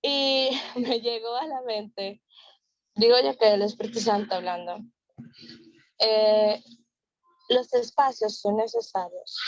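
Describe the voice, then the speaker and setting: A woman's voice: medium pitch, darkish tone, no echo, muffled recording. A woman leading a Bible study, talking earnestly and repeating phrases for emphasis.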